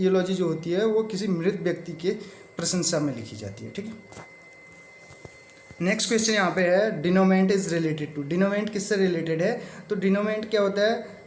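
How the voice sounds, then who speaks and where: An Indian man teaching English literature for exam prep, explaining step by step, asking questions and answering them himself, and reading quiz items out slowly. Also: sits high, darkish tone, reverberant, slight background noise. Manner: reads English quiz items slowly, mixing English terms into Hindi.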